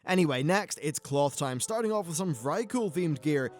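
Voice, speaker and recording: A man's voice: on the high side, lively intonation, moderate pace, faint music behind. A man with a British accent giving casual, conversational and opinionated commentary as a gaming video host.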